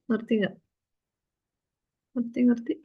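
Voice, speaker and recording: A woman with a slightly high voice leads a language lesson. She explains at an unhurried, patient pace and often checks that her student follows. The sound is dull and lo-fi. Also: level tone, husky. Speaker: Korean teacher.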